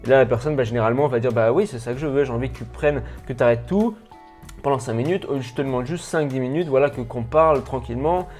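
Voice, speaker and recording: A man's voice: medium pitch, fast talker, darkish tone, soft background music. A man with a French accent gives an improvised video lesson, talking straight to the viewer informally, stammering and restarting often. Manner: stammering, many restarts and repetitions, rambling. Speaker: personal development coach.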